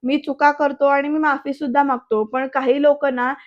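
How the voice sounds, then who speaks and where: A woman gives a voice-over recap of a TV serial episode, speaking straight to her viewers. Her voice sits high and stays fairly level. She reads the characters' dialogue aloud without much change in her tone. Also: little pitch movement, normal speed, highs cut off. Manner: retells scenes, addressing viewers directly; reads characters' dialogue in quotes, mostly plainly.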